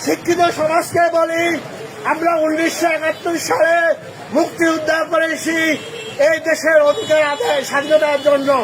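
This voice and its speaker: An older man with a Bangladeshi accent giving an impassioned political street speech in a loud, booming, declamatory voice. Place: outdoors on a busy city street. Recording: noisy outdoor street, crowd and traffic.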